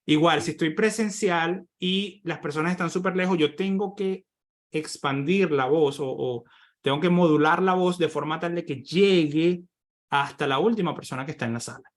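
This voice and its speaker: A man from Venezuela teaching an online workshop on presentation skills, explaining points and often tagging sentences with quick questions to his audience. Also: a little high. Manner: explanatory, with many rhetorical tag questions. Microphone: computer microphone on a video call.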